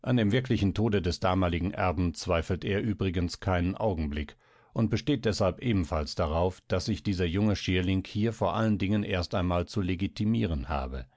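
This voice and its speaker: A man voicing a gruff, irritable older male doctor in an audiobook, who grumbles impatiently. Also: low-pitched, normal speed, darkish tone, no echo, clean studio sound, lightly acted. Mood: grumbling.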